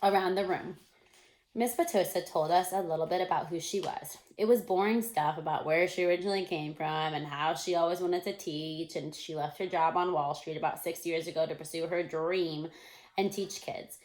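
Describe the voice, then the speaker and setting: A woman's voice: lowish voice, steady tone, normal speed, a little mellow, roomy sound. Woman reading a novel aloud. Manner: casual asides and self-corrections.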